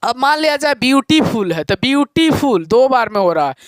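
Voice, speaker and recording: A male teacher giving a grammar lesson, explaining slowly and repeating key points to his students. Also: very high voice, sing-song, no echo. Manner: calls students "my dear children".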